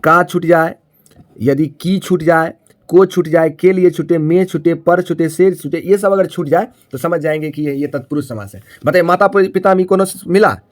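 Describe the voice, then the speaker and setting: A man with a fairly high voice teaches a grammar lesson in classroom style. He repeats key points, poses questions to the students and answers them himself, checking often that they follow. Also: normal speed. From Bihar, India. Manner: frequent tag question "है ना".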